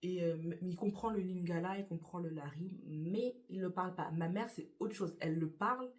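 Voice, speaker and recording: Casually fielding get-to-know-me questions for her vlog, a young woman speaks at normal speed in a lowish, slightly mellow voice. The YouTuber is in her bedroom beside a window, and she hesitates often, with many fillers and restarted sentences.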